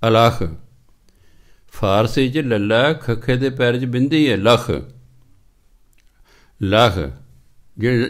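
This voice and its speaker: A Punjabi-accented man delivering a sermon at a mid-range pitch. He chants scripture slowly, then explains it with rhetorical questions and little acted-out scenes from home life. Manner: lively, rhetorical questions, acts out everyday dialogue. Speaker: Sikh preacher giving scripture commentary.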